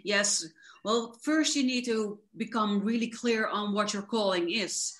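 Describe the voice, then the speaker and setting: A woman speaks as an interview guest, explaining her coaching work at a medium pitch. She is fluent and enthusiastic, moving easily from one point to the next. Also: a little slow, a bit bright. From the Netherlands. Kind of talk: casual interview.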